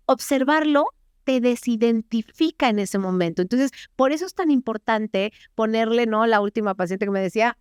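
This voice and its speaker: A woman explains her approach in an animated interview manner, now and then acting out inner voices. Her voice is smooth and sits a little high. The recording is dry and close. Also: moderate pace, no room sound. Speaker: clinical psychologist guest.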